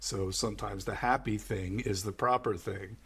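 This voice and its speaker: A man's voice: lowish voice, steady tone, normal speed, gravelly, fairly bright tone, breathy edge. A man with an American accent teaching English vocabulary, patiently explaining each word and repeating the key ones. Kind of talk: vocabulary lesson.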